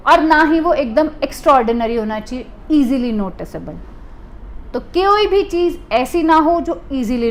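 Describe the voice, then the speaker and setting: A woman from India who runs a private detective agency, explaining to the camera in a deliberate way and restating her points for emphasis. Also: high voice.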